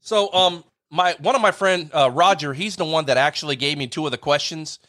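Bright-voiced, agreeable male podcast host. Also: a little high. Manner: agreeable, quick short affirmations. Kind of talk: casual interview chat.

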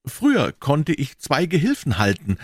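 A man voicing an excitable middle-aged pawnbroker who talks in high, eager exclamations in an audiobook. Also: moderate pace, husky, dry recording, clean studio sound, exaggerated voice. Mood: chatty. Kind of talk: audiobook character voice.

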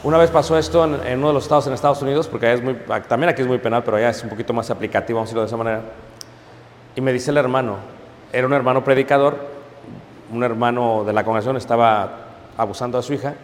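A man preaching to his congregation, telling stories and calling them brothers, swinging between hushed asides and loud emphatic peaks. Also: mid-range voice, fairly even intonation, rapid-fire, big-room sound, a little hiss or hum. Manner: storytelling, addresses congregation as brothers, frequent "¿ok?". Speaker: pastor. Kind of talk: sermon.

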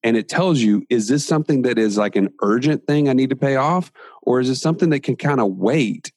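A man who is a guest entrepreneur in a podcast interview, explaining things step by step with energetic asides. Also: medium pitch, a little fast, no room sound.

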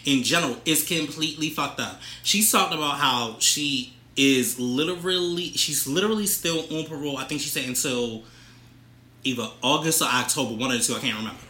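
A man's voice: mid-range voice, a little fast, pushed and bright, echoey room. A young man, co-hosting a casual, profane celebrity gossip chat and reading news items aloud with commentary. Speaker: podcast co-host.

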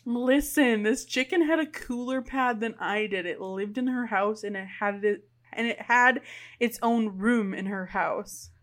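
A woman's voice: fairly high pitch, unhurried, fairly bright tone. A woman co-hosting a podcast in casual chat, teasing and laughing often. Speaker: podcast co-host.

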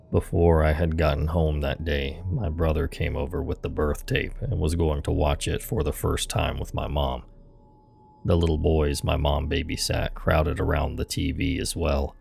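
Male horror podcast host, very low, flat, gravelly narration. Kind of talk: scripted horror story narration. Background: soft music.

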